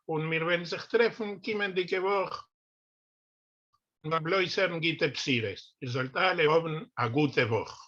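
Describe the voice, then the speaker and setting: A man with a Yiddish accent hosting a show, giving closing thanks in a halting way with fillers. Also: fairly high pitch, bright, forceful tone. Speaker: host. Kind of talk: closing remarks of a talk show. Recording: dull lo-fi recording.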